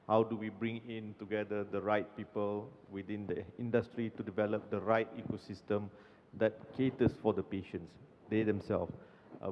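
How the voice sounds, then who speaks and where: A man on a conference panel explaining his agency's work in a measured way. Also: on the low side, slight background noise. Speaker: panelist for a national health tourism agency. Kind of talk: panel discussion. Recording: muffled hall reverb.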